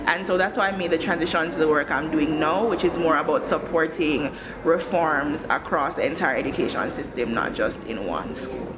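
Speaking at a normal pace in a low voice, this thirtysomething Jamaican woman, who heads an education social enterprise in her country, recounts her career during a conversational interview. She explains things articulately, though noticeable ambient noise sits behind her.

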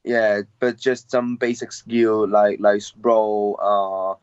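Young fighter from Hong Kong, Hong Kong accent, halting second-language English, fairly low voice, dull dry recording. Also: male voice, fairly even intonation, smooth, no echo. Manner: halting, hesitant non-native English with many fillers. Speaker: MMA fighter guest. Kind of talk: casual interview.

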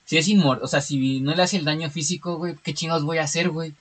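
A young man with a Mexican accent in casual chat with friends, slangy and quick, dropping "güey" constantly. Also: a little high, steady tone, breathy edge. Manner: fast, slangy, peppers speech with "güey".

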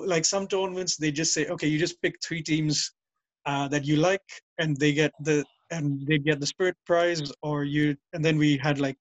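A guest on a casual call interview, a native English-speaking man with a slightly high voice rambles through long stories about the old days, often correcting himself mid-sentence. There is no echo, and the high frequencies are cut off.

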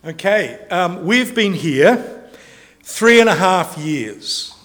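Kiwi guy preaching, higher voice, chatty and jokey, lots of ums, big church reverb. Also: animated, slow pace, fairly bright tone. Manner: chatty, joking, self-interrupting. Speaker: pastor. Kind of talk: informal sermon.

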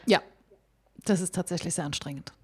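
A woman's voice: on the low side, a little fast, mellow, husky. A woman co-hosting a podcast, explaining her views on writing in a thoughtful, casual way. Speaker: podcast co-host.

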